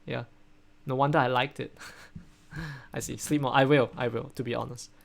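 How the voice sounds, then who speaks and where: A young man from Singapore, a streamer and coach, casually analyzes a replay on stream in Singaporean English. He speaks at a normal speed with a medium pitch, fairly even intonation, and vocal fry, rambling, repeating words, and saying "right?" often.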